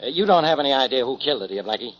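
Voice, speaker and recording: An actor playing a stubborn, blustering police inspector in a 1940s American radio drama, gruff and sarcastic. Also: male voice, medium pitch, lively intonation, racing, close to an everyday voice. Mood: grumbling, stubborn. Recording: dull 1940s radio recording.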